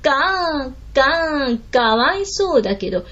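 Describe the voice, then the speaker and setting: A woman's voice: high-pitched, big pitch swings, normal speed, fairly bright tone, dull audio. A woman doing a cawing, gossiping crow. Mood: gossipy.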